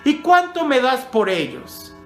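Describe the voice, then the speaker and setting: A man voicing a cruel, cocky boy who carries caged birds, in a raised, drawn-out storyteller voice. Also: very high voice, sing-song, fairly bright tone, soft background music, voice pushed up, heavily acted. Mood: boastful.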